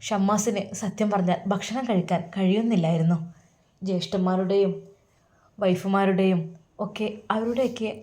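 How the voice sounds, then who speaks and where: Mellow woman narrating a story. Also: mid-range voice.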